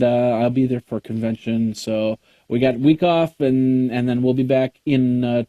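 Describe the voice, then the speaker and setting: A man's voice: medium pitch, mellow, dry recording. A man hosting a tech podcast, wrapping up the show in casual, rambling, jokey chat full of fillers. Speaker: podcast host.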